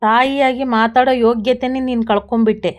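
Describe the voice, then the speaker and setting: A woman's voice: a little high, steady tone, quick pace, natural voice. A woman reading a defiant, wounded young woman.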